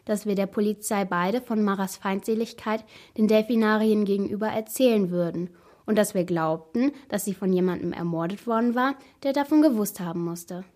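A woman narrating a first-person storybook in a steady, tense manner. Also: medium pitch, normal speed.

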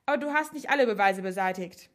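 A woman voicing a calm, clever young man who lays out his reasoning step by step. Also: mid-range voice, quick pace, lightly acted. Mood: accusing.

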